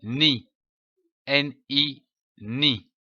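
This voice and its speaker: A man with a French accent teaching reading to young children, spelling out letters and sounding out syllables slowly and carefully. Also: medium pitch, pushed and bright, dry recording, dull audio. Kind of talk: slow phonics lesson for young children.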